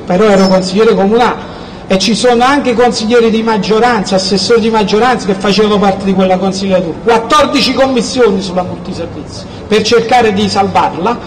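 A man's voice: sits high, fairly quick, rough recording. A middle-aged man with a southern Italian accent from Campania gives an emphatic, insistent political speech, repeating key words. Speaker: local politician. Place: outdoor town square. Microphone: microphone on a stand, amplified. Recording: outdoor public address with background noise.

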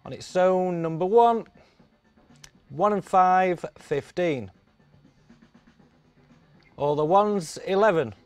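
A man's voice: high voice, slow pace, long pauses, no room sound. A middle-aged man calling bingo numbers on a TV show in a sing-song, repetitive patter. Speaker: bingo caller. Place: TV studio.

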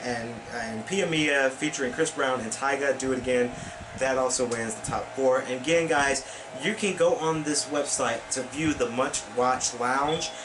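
A man's voice: medium pitch, normal speed, over music, low-quality recording. A young man hosting his own weekend vlog, talking casually to a webcam in his bedroom with lots of fillers and restarts. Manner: rambling with many fillers and restarts; gestures with hands while talking. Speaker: vlog host. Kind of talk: casual vlog talk to camera. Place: small bedroom with computer desk, indoors.

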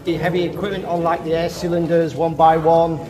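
A middle-aged man guiding a tour with halting explanations, his voice echoing inside a cave. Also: on the high side, little pitch movement, crowd noise. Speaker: cave tour guide and rescue participant. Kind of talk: explanatory guided tour talk. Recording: echoey cave, music over the voice. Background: music.

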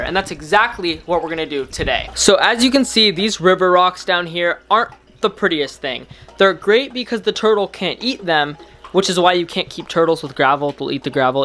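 Talking to his camera at home, a young American man vlogs casually about his aquarium hobby, mostly from an indoor room full of fish tanks. His voice sits high and has a fairly bright tone.

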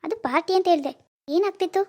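A woman's voice: extremely high pitch, quick pace. A woman voicing a stern young husband in a cartoon, speaking in a firm, scolding manner.

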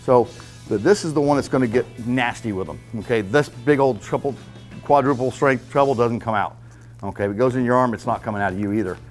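A man's voice: mid-range voice, fast talker, soft background music. A man in his fifties giving a casual, blunt fishing seminar in a club meeting room, checking in with "okay?" as he goes. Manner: blunt, folksy, repeats "okay?" to check listeners. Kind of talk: casual hands-on fishing talk.

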